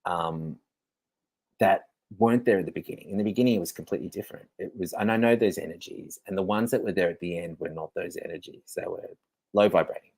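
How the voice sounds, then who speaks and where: A man's voice: low-pitched, fast talker, creaky, darkish tone, breathy edge, no echo. A man hosting a show, giving a candid, rambling confessional monologue and swearing freely. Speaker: host.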